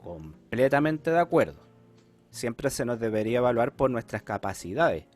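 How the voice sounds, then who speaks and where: A man's voice: mid-range voice, lively intonation, normal speed, a little mellow, soft background music. A man with a Chilean accent teaching an online class, explaining patiently and checking in often with his students.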